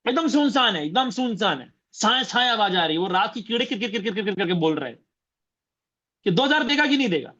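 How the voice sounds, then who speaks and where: A man's voice: high-pitched, big pitch swings, a little fast, sharp tone. A man from India giving a motivational seminar talk as a business trainer, repeating phrases and firing rhetorical questions at his audience. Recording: dull lo-fi recording.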